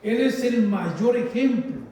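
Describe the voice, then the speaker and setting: A man preaching a sermon in a slow, emphatic way, repeating phrases and calling listeners brothers, with a heavy cathedral-like echo. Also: extremely high pitch, warm tone. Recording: very echoey hall, voice from far off, faint noise.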